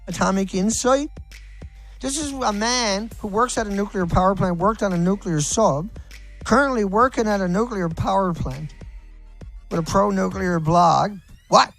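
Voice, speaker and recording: A man's voice: high voice, gravelly, fairly bright tone. A male host ranting in angry, mocking commentary, swearing constantly.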